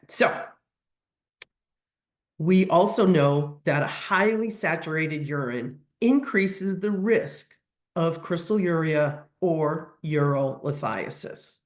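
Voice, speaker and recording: In an echoey room, a veterinary technician who has a cold presents a teaching webinar at medium pitch. The explanation proceeds step by step, broken up by many ums and restarts.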